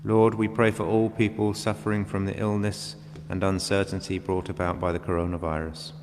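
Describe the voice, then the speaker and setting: A man reading prayers of intercession in a solemn, measured liturgical style inside a reverberant church. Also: low voice, little pitch movement. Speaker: reader of intercessions. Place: large reverberant church, indoors. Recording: long church reverb, background hum.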